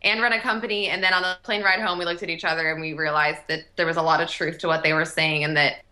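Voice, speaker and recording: Fast-talking bright young woman. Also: low-pitched, fairly even intonation. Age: young adult. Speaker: company co-founder, guest. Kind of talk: casual interview answers.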